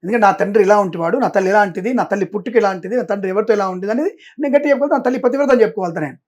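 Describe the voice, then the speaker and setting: A man's voice: high voice, very fast, darkish tone, muffled recording. A middle-aged man speaking as a Vedic astrologer in an interview. He talks emphatically and insistently, stresses himself again and again, and slips English phrases in among his sentences. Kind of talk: interview answers.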